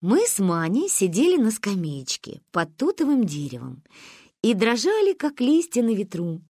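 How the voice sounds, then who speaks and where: A woman narrating a humorous story in a lively, expressive reading. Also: mid-range voice, normal speed, breathy edge, no room sound, studio quality.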